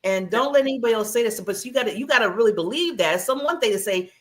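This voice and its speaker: A woman's voice: on the high side, animated, rapid-fire, a bit bright. A woman co-hosting a motivational talk show, effusive and laughing, acting out quoted voices. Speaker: co-host, motivational speaker. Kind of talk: casual talk-show chat.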